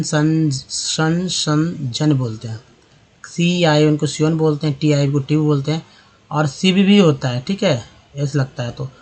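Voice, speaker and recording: A man teaching English pronunciation in Hindi, spelling out words letter by letter and repeating vowel sounds slowly while checking in with viewers. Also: a little high, darkish tone, slightly rough. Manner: addresses viewers as friends, checks understanding with tag questions. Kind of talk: explaining pronunciation with examples.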